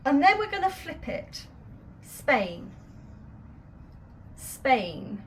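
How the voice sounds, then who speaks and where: A woman's voice: high voice, big pitch swings, very slow, a bit bright, slight background noise. A woman teaching sign language, patiently explaining each sign step by step with light laughs. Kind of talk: instructional video lesson.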